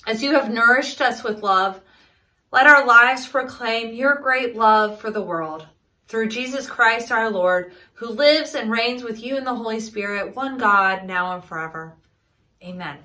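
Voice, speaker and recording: A woman in her thirties, a pastor, leading prayer and reading scripture in a solemn, measured way from a small room at home. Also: fairly high pitch, sharp tone. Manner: solemn, measured liturgical delivery.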